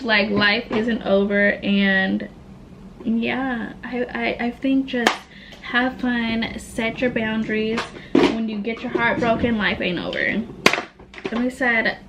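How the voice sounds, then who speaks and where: A beauty vlogger in her late twenties from Tacoma, Washington, USA, chats candidly during a casual get-ready-with-me makeup Q&A, using lots of "like" and slang. Her voice is slightly high, with background noise.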